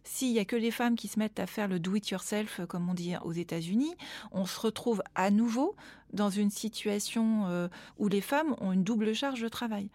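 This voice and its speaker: A woman researcher explains her ideas clearly and articulately. The recording is dry and close, with no room sound. Her voice sits at a medium pitch. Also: a little mellow, no echo. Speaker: researcher and activist. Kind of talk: recorded interview.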